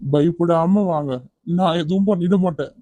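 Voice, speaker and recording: A kind young man in a cartoon, voiced by an actor, talking firmly but gently and coaxing without letup. His voice is mellow and middle-pitched, recorded dry and close. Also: normal speed, no room sound, natural voice. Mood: gentle coaxing. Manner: firm yet gentle, coaxing. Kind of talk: cartoon voice acting.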